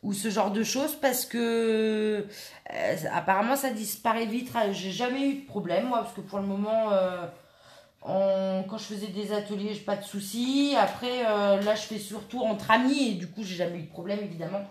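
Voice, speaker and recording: A woman walks through a scrapbooking craft step by step at her table, speaking casually, hesitantly, and with many fillers. She has a medium pitch and normal speed, and the room is reverberant.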